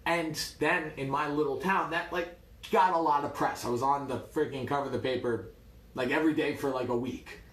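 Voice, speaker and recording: Wry, animated man telling stories. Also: fairly high pitch, fairly quick, reverberant. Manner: lively, wry, animated storytelling. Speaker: martial arts coach. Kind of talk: casual storytelling.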